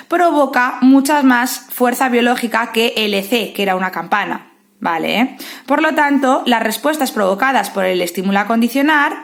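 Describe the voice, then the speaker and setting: A woman with a Spain Spanish accent who tutors students through psychology notes, speaking directly to them and often checking in with "¿vale?". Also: on the high side. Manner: lively, says "¿vale?" often, addresses students as "os". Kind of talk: explaining class notes.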